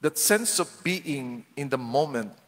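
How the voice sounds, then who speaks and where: A Filipino man with a Filipino accent, a parish priest giving a playful, animated homily in a large church. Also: mid-range voice, slow pace. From Philippines. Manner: animated, playful, acts out quotes. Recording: long reverb of a church hall.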